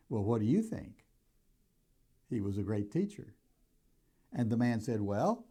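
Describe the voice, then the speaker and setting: An older man preaching a sermon in a deliberate, emphatic way, stressing key words as he teaches. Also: mid-range voice, mellow. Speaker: pastor.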